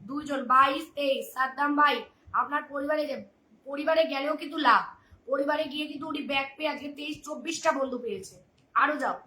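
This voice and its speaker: Fast, bright-voiced woman hosting a live stream. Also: high-pitched. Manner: rapid repetitive urging of viewers, reading out names. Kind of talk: live stream audience chat. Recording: echoey room with faint noise.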